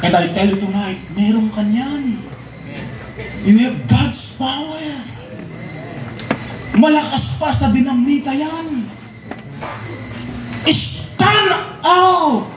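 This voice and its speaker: A Filipino man with a Filipino accent preaching a sermon at a youth camp, shouting and drawing out his words for emphasis. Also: very high voice, very slow, pauses often, distant mic, background noise. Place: large hall with a crowd. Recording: echoey hall, miked from afar.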